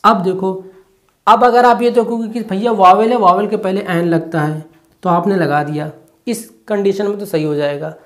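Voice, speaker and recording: A teacher giving an exam-prep lesson, stepping through each point by asking a question and then answering it, and checking in often with a quick "okay". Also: mid-range voice, steady tone. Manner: asks and answers own rhetorical questions.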